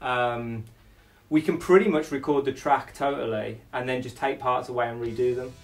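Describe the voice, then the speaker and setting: A man's voice: medium pitch, fairly even intonation, normal speed, distant mic, poor audio. A male lead singer talking casually about recording a song, rambling with lots of fillers and restarts.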